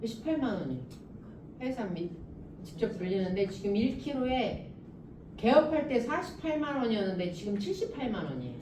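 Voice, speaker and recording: Middle-aged woman professor, higher voice with bouncy animated pitch, joking lecture style. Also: fairly quick, noisy background. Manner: lively, joking, laughs often. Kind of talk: humorous lecture storytelling. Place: lecture hall. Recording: roomy hall, mic from a distance.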